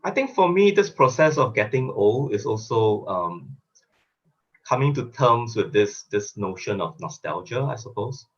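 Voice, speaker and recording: A man from Singapore, a poet, interviewing a friend casually over a video call, listening attentively with soft murmured replies. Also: mid-range voice, animated, a little slow, slightly rough, muffled recording.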